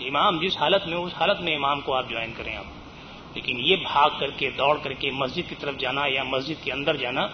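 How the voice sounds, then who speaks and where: An earnest male preacher explains his teaching at length, lifting his voice to stress key points. His voice sits a little high for a man. The recording is dull and lo-fi, with a faint hiss underneath. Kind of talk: religious lecture on raising children.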